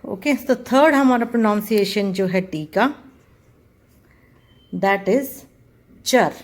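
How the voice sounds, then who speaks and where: A woman teaching pronunciation in a video lesson, speaking slowly and deliberately and repeating and spelling out each example word. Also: medium pitch.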